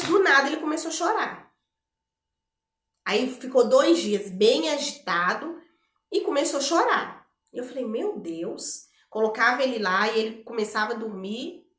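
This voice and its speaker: Chatty Mineira woman, echoey room. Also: fairly high pitch. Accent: Minas Gerais Portuguese. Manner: chatty, animated retelling with many fillers. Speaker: vlogger and mother. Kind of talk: casual storytelling to camera.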